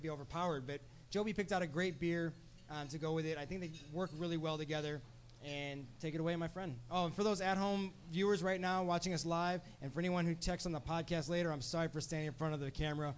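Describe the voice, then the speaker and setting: A man from Southern California hosts a live beer and cheese pairing, explaining the tastes in a friendly, casual way with some restarts. His voice is fairly high, and there's a little hiss or hum in the recording.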